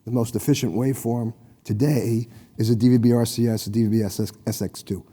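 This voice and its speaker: A hoarse man who has lost his voice, speaking technically on an industry panel and clearing his throat often. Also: mid-range voice, steady tone, fairly quick, warm tone, long reverb tail. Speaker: panelist, satellite operator executive.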